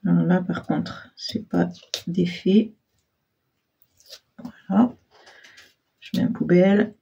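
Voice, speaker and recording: A woman hosting a casual crafting tutorial, chatty and self-deprecating, full of fillers and clearing her throat often. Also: lowish voice, fairly even intonation, slow, mellow, lo-fi sound, slight background noise. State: frequent throat clearing, frog in throat. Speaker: crafting channel host.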